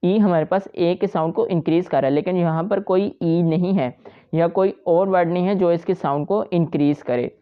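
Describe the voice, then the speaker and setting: A woman with a lowish, smooth, resonant voice talks students through a shorthand lesson. She explains each outline patiently and repeats herself often. The recording sounds a little dull and lo-fi. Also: normal speed. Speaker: shorthand teacher. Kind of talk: step-by-step tutorial.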